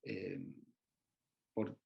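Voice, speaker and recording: A middle-aged man, born in Uruguay and raised in Chile, gives an online research presentation, halting often with fillers and restarts. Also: muffled recording. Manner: hesitant, many fillers and restarts. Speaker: researcher presenting his work.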